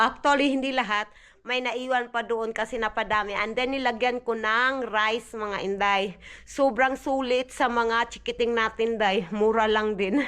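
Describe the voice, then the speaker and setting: Filipino mom chatting to her vlog viewers at home, kinda high voice, talks to her baby in between. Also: smooth. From Philippines. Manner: chatty, calls viewers "day" and "inday"; soft coaxing baby talk. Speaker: vlogger mom. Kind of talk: casual chat to camera. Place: home with toddler.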